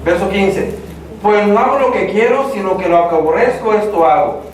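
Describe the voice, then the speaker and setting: A man preaching an evangelistic sermon, lively and speaking straight to the congregation, acting out inner voices. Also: sits high, normal speed, slight background noise. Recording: echoey church hall from far off.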